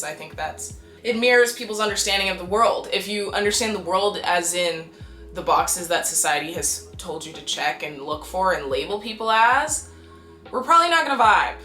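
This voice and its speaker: A young woman from Canada in her twenties, talking casually to the camera in an animated, exasperated and emphatic way. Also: mid-range voice, roomy sound. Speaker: vlogger. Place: small bright room indoors.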